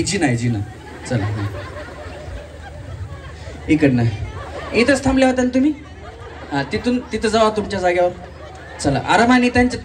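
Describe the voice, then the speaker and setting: High-pitched man hosting a live stage game, jokey and teasing, mic set back with a faint crowd behind. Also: far from the mic, a little hiss or hum. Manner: teasing, playful, shouts rhythmic game calls. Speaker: game show host. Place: community event stage with audience.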